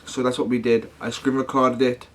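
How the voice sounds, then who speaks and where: A man speaks to his viewers in a casual vlog style. His delivery rambles and doubles back on itself, full of slangy, matey phrasing, at an ordinary male pitch. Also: little pitch movement, brisk. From United Kingdom. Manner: rambling, slangy, with self-corrections. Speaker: paranormal investigation vlogger.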